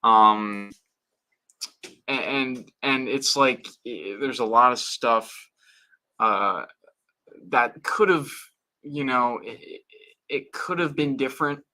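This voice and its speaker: A man hosting a casual livestream, rambling and halting with many fillers and restarts. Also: medium pitch, pushed and bright. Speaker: stream host.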